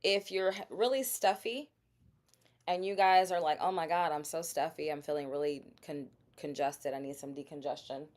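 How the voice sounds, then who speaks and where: This livestream host selling bath products has a low, slightly mellow voice and keeps a steady tone at a moderate pace. In a relaxed, chatty way she addresses her audience directly and tosses out quiz questions about her products.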